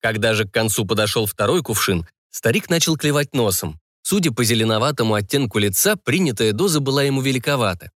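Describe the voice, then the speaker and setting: A man narrates a fantasy audiobook with expressive, animated pitch. His voice sits in a middle range. The close-miked recording is dry. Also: fast talker, hardly any pauses, no room sound. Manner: expressive storytelling.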